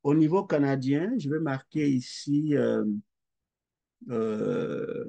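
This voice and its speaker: On a lo-fi recording, a middle-aged man from Quebec speaks at medium pitch with a creaky, mellow voice. His recorded lecture walks slowly and methodically through the calculations, each figure repeated aloud as he writes.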